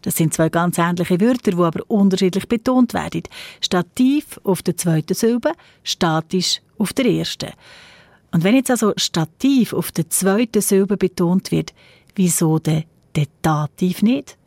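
A woman's voice: fairly low pitch, moderate pace, a little mellow, no echo. A woman with a Swiss German accent, a radio host reading out a listener's question and leading into the next item in a studio.

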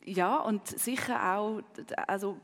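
A woman speaking German with a Swiss accent, her first language French. She answers interview questions in a lively way, laughing often and filling pauses. Her voice sits in the middle of the range with a long reverb around it. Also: mid-range voice. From grew up in Paris, Hamburg and Zurich. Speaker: guest, dialogue writer. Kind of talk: casual interview chat.

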